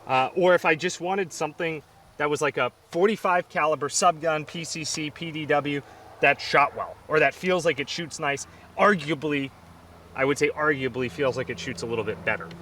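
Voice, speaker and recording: A man's voice: a little high, moderate pace, pushed and bright. A man co-hosting a casual gun review, speaking outdoors at a range. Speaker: co-host of firearms review. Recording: distant mic, faint outdoor noise.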